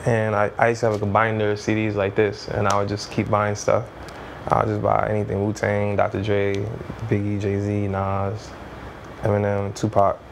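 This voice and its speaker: In a fairly low, creaky voice with completely flat delivery, a Trinidad-born, Brooklyn-raised music executive in his thirties tells stories at normal speed. As a casual interview guest he rambles loosely and keeps saying "you know what I mean". Slight background noise is present.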